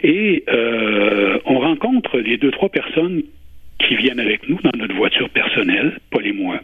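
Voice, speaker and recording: Husky Quebec French man on phone-like line. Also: medium pitch, sing-song, unhurried. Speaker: interview guest, retired public servant and volunteer. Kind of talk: conversational interview answers. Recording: muffled phone-like radio line with echo.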